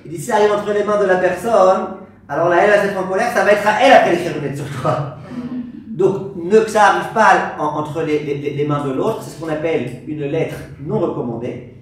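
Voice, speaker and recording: A man teaching a Torah class as a rabbi, animated, acting out angry exchanges and quizzing his audience. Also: high voice, fairly quick. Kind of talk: lively Torah lesson to an audience. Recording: very echoey room, voice from far off, faint hiss.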